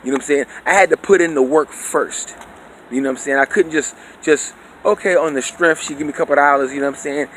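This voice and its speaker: A man's voice: fairly high pitch, fast talker, fairly bright tone, a little hiss or hum. Preachy man lecturing with asides. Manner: preachy and conversational, keeps asking "you know what I'm saying". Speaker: vlogger. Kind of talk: opinion monologue.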